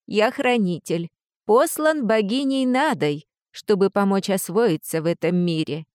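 A woman's voice: mid-range voice, lively intonation, measured pace, darkish tone, no room sound, clean studio sound, close to an everyday voice. A woman reading an audiobook and voicing a small, haughty male lizard guardian spirit who hisses and talks down to people. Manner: hissing, condescending.

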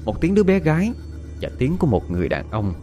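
A man narrating a ghost story in a dramatic, expressive storytelling manner. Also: medium pitch, fast, faint music behind. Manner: dramatic, expressive, panicked cries in character.

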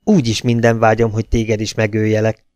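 A man's voice: on the low side, monotone, a little mellow, dry recording, clean studio sound, natural voice. A man voicing a cold, determined woman who hisses her words in an audiobook reading. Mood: icy. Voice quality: icy, hissing. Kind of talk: audiobook character voice.

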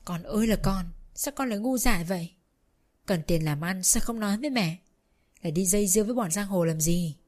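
A woman voicing a doting but spiteful older mother-in-law who scolds in a shrill voice. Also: fairly quick, a little mellow, soft background music, natural voice. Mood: pleading.

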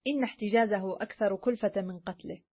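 A woman's voice: mid-range voice, fast, slightly rough. A woman reading the lines of a sly, cunning male adventurer in a storybook reading, on a dull lo-fi recording. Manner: sly, pressing.

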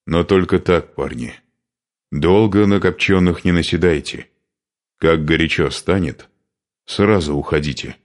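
A man's voice: deep voice, a little slow. A man voicing a tough male warrior captain who answers dryly and reluctantly. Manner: reluctant, dry.

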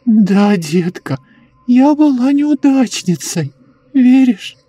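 A man voicing a sly, sinister old woman who speaks in a slow, eerily calm coo in a horror audiobook. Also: very high-pitched, no room sound, faint music behind, voice pushed up, full character voice. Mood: confiding. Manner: slow cooing, sinister giggles.

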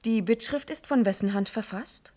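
In a classical radio drama, an actress portrays a noble young princess, declaiming solemn verse with passion and pride. Her natural, slightly high and somewhat mellow voice moves at a normal speed, and the mood is grave and resolved.

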